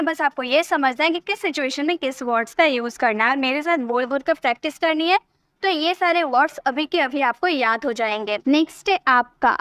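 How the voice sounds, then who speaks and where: A woman with an Indian accent teaching English vocabulary, repeating each word and reading example sentences out slowly. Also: sits high, a bit bright, no room sound. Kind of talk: vocabulary lesson.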